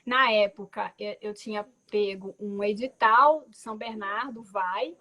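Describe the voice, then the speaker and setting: A mid-range voice with a sharp tone and measured pace belongs to a woman in her forties from Belo Horizonte, Brazil. Speaking Minas Gerais Portuguese as a guest artist on a video call, she tells her story in a reflective, conversational way, peppered with tag words and restarts.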